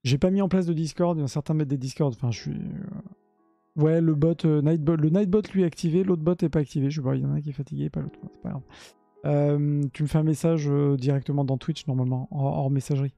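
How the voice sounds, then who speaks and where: A man's voice: fairly high pitch, steady tone, quick pace, gravelly, mellow, no room sound, lo-fi sound, faint music behind. A man talking casually on a live stream about Japanese art, hesitant with many fillers and restarts.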